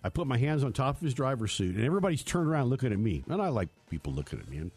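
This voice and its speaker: A man's voice: mid-range voice, very animated, racing, darkish tone, breathy edge. A man hosting a motorsport radio show in a studio, telling stories in a rambling, self-mocking way. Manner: chatty, storytelling, self-mocking. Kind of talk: rambling casual radio talk.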